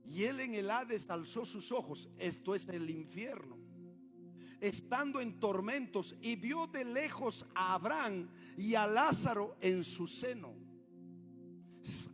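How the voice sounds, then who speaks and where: A man's voice: high-pitched, lively intonation, a little slow, over music. A Honduran man preaching as a pastor in a church, with an impassioned, chanting, sing-song cadence. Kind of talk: revival sermon.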